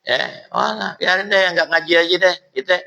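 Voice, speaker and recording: A man preaches in a loose, colloquial way, bright and forceful in tone. His voice sits a little high for a man, and he keeps the room engaged with humour and acted-out asides. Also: quick pace, poor audio. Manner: lively, jokey, colloquial, acts out quotes. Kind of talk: mosque study-circle sermon.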